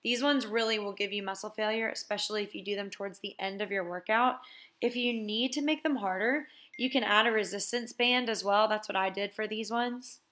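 A woman's voice: mid-range voice, a little fast, background noise. Chatty young woman explaining gym exercises. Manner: relaxed, chatty instruction with "basically" and "so". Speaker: fitness vlogger. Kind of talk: casual workout walkthrough voice-over.

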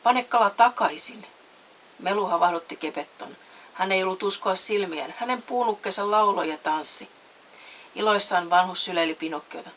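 A woman reading a children's fairy tale aloud, lifting her voice for the characters' lines. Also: low-quality recording. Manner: reads voices with raised pitch and loudness. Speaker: storyteller. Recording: faint hiss.

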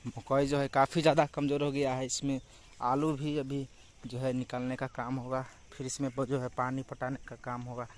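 A young man with a Bihari accent walks through farmland narrating a vlog on a handheld phone, pointing things out and explaining them again and again. He speaks at normal speed in a mid-range voice with flat delivery, and the outdoor rural ambience is plainly audible.

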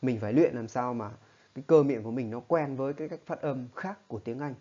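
A man's voice: mid-range voice, fast talker, mellow, dull audio. A man teaching a spoken lesson, explaining patiently and often checking in with his listeners. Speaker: English teacher.

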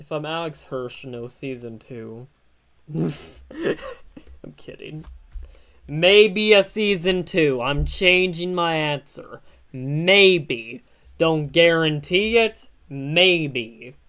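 A man's voice: a little high, animated, very slow, bright, forceful tone. A young man hosting a livestream, chatting casually and joking around. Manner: joking, rambling, self-deprecating. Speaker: channel host streaming.

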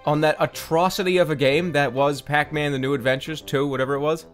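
A man's voice: on the high side, fairly even intonation, fairly quick, soft background music. A man doing comedic gameplay commentary as a streamer, incredulous, exasperated and sweary. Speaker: gaming streamer.

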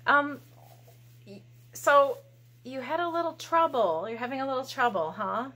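With a high-pitched, sharp voice at a measured pace, a thirtysomething woman leads a children's storytime as a library host. She's playful, exaggerated and encouraging, recording in a small room at home.

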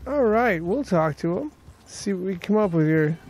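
A man's voice: high voice, lively intonation, normal speed, darkish tone, breathy edge, faint music behind. A man giving casual commentary as he plays a video game. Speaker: gaming video host.

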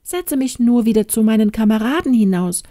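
A woman's voice: on the high side, animated, a little fast, dark tone, no room sound, clean studio sound, pitched above the performer's own voice, close to an everyday voice. A woman voicing a pitiful talking cabbage head in a storybook reading, with a plaintive, whiny delivery.

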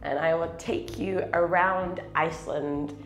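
Speaking at a measured pace with a steady tone and fairly low pitch, this Scottish woman in her thirties vlogs about her travels, laughing frequently despite a cold that leaves her stuffy and a little nasal. The sound is roomy, with faint music behind, captured on a clip-on lapel mic in a small wooden cabin and then a car.

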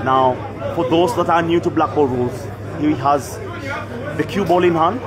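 This stream commentator, a Kenyan man with a slightly high voice and moderate pace, chats through a pool match at a Nairobi tournament venue. Between shots he greets viewers by name, and loud crowd noise fills the background.

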